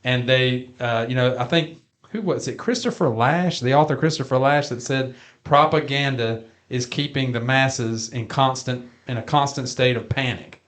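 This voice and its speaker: A man's voice: mid-range voice, normal speed, fairly bright tone. A man co-hosting a podcast in casual chat, folksy and jokey, sometimes drawing out his phrases. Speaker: podcast co-host.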